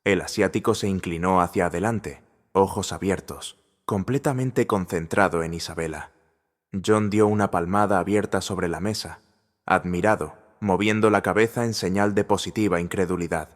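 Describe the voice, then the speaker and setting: A man narrating a scripted drama story in a steady, dramatic storytelling way. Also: deep voice, moderate pace. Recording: long reverb.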